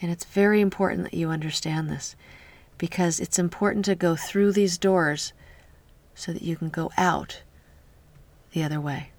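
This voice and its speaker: A woman leading a guided healing meditation in a soft, slow voice that often drops to a whisper, speaking close to the mic. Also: fairly low pitch, fairly even intonation, no room sound.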